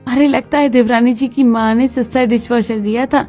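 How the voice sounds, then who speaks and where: Brief: woman voicing a smug, lazy cartoon sister-in-law, higher voice, faint music under. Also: fairly even intonation, normal speed, darkish tone, lightly acted. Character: sly elder sister-in-law, lazy and mocking.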